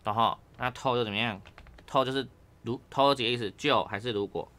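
Bright-voiced man tutoring grammar. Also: mid-range voice, a little fast. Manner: repeatedly checks understanding with tag questions. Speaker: Japanese grammar teacher. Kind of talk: casual one-on-one tutoring.

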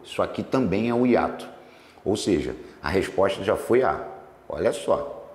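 A man with a lowish voice that swings widely in pitch walks through exam questions like a teacher at the board. He draws out words slowly to break them into syllables. The sound is roomy, with a long reverb tail. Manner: lively, stretches words slowly to spell out syllables. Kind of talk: solving exam questions on grammar.

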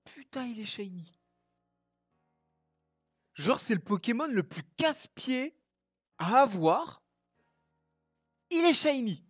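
A man reacting to gifts in a video game, his voice leaping wildly up and down as he shouts and swears, repeating the same exclamations over and over. The sound is close and dry, with faint music playing underneath. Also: very high voice, sing-song, takes it slowly, long pauses, breathy edge, no room sound. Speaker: gaming YouTuber. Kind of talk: excited reaction video commentary.

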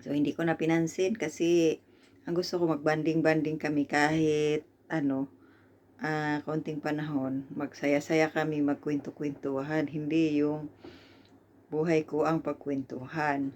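A Filipina woman with a low, deep voice vlogs from Hong Kong, recounting a grievance. She tells it in an aggrieved, animated way and slips into the voices of the people she quotes. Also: unhurried. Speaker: domestic helper vlogger. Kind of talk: storytelling vlog.

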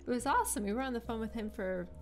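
A woman's voice: on the high side, expressive, a little hiss or hum. A woman co-hosting a live-streamed art chat show, upbeat and agreeable in casual conversation. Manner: upbeat, agreeable, quick to laugh. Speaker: co-host.

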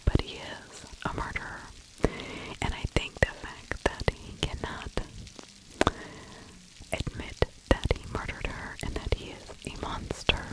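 In a rough recording made in a small indoor room, a middle-aged woman whispers true crime narration ASMR-style, breathy and without any voiced tone, close to a furry-windscreened mic. She comes across as opinionated and conversational, sharing her personal angle on the story.

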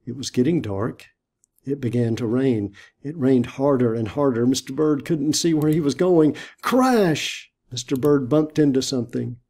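A man reading a picture book aloud for a church storytime, then giving a short lesson, in a gentle, deliberate way. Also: medium pitch, fairly even intonation.

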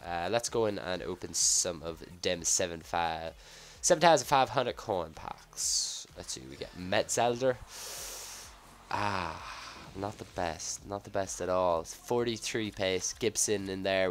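A man with a low voice, a little husky from a cold, commentates live on a game pack opening. He talks casually, reacting offhand to each item as it shows up. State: slightly sick, husky off voice from a cough. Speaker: gaming video host.

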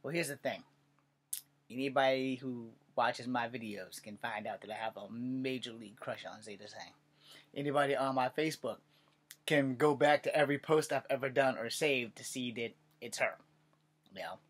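Husky man, wry webcam monologue. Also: mid-range voice, moderate pace. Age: 40s. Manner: wry, sarcastic, swears. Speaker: vlogger. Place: cluttered bedroom, indoors. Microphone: webcam at desk distance.

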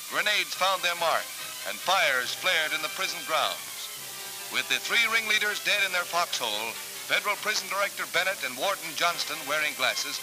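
A man with a high, ringing voice narrates in the style of an old 1940s newsreel. His delivery is dramatic and punchy, the classic announcer's push on every line. Clear music plays behind him throughout. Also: poor audio. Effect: old 1940s newsreel sound.

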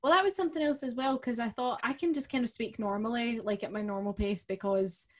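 A woman's voice: a little high, brisk. A woman in her twenties with a Scottish accent, casually hosting a conversational interview into a studio mic. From Scotland. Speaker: interviewer and host. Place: small home studio room. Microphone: microphone on boom arm, close.

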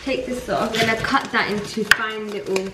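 A woman's voice: fairly high pitch, fairly even intonation, moderate pace, distant mic, very noisy. A young woman, chatting to viewers while she cooks in a home kitchen. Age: young adult. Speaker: vlogger. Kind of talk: casual cooking vlog. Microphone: camera mic on the counter. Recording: echoey kitchen, voice off-mic, music behind.

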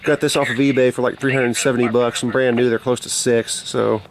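A man's voice: medium pitch, little pitch movement, brisk, poor audio. A man talking informally and off the cuff as he shows a gadget in a casual home video. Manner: informal, unscripted, offhand. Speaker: hobbyist video maker. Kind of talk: casual product show-and-tell. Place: small bedroom, indoors.

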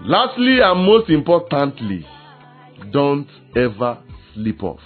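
A male pastor preaches in a lively, animated way, acting out little scenes between husbands and wives. His voice is husky, and the sound is thin and phone-like, with faint music underneath. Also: on the high side, slow. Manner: lively preaching with acted quotes and laughter. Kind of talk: sermon.

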